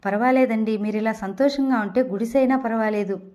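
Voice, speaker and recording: A woman voicing a patient, frightened young wife in a read-aloud audio novel, speaking softly and pleadingly. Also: a little high, fairly quick, lightly acted. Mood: gentle. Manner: soft and pleading. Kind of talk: audiobook character reading.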